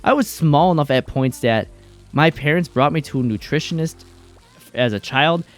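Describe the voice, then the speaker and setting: A male streamer telling stories in casual chat while gaming, animated and swearing freely. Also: a little high, moderate pace, soft background music.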